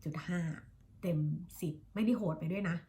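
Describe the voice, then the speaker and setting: A Thai woman in her thirties, an English teacher, talking casually about her studies and slowly drilling the pronunciation of English words. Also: fairly low pitch, warm tone. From Thailand. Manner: chatty, self-reflective, drills words slowly by repeating them. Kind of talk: casual vlog-style lesson.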